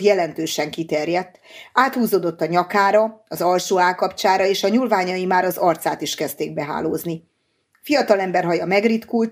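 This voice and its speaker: A woman narrating a novel in a measured, steady audiobook reading. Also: on the low side, husky.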